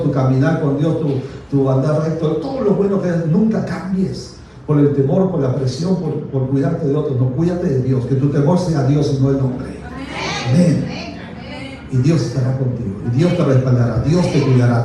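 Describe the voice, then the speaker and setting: A man's voice: a little high, animated, normal speed, mellow, slight background noise. A man pastor preaching a sermon with emphatic repeated phrases and playful asides, heard in an echoey hall from far off.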